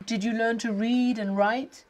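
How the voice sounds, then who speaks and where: A middle-aged woman reporter asking gentle, direct questions on location. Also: a little high, fairly even intonation, measured pace. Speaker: reporter interviewing. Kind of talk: field interview.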